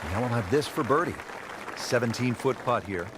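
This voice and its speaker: A man playing a measured television golf commentator, calling play in a video game broadcast. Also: mid-range voice, expressive, background noise, lightly acted. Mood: measured, engaged. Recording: music and crowd behind voice. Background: music and crowd.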